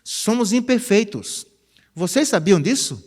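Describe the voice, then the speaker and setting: A man preaches in a chatty, animated way, often tagging his phrases with a questioning "né?". His voice sits somewhat high, and his pitch swings widely. The sound carries the long reverb of a church hall. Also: a little slow, husky. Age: 50s. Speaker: pastor. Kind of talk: conversational sermon. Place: church sanctuary.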